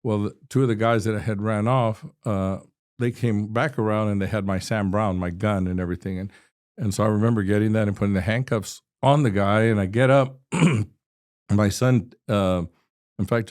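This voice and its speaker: Low-voiced man in his sixties recounting a story. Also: fairly even intonation, a little fast, darkish tone. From Texas. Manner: earnest, vivid retelling with frequent restarts. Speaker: state representative, podcast guest. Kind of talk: personal storytelling in an interview.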